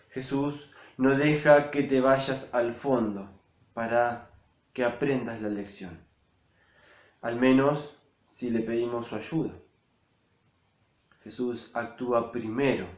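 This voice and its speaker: A man giving a sermon reflection, storytelling with expressive swells and drops in loudness. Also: medium pitch, roomy sound. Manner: expressive, rising and falling loudness for emphasis. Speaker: preacher.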